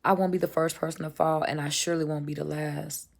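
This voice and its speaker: A woman's voice: deep voice, little pitch movement, fast talker, creaky. A woman giving an emphatic, blunt motivational monologue, swearing casually and calling the listener baby. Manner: emphatic, preachy, repetitive. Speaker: vlogger.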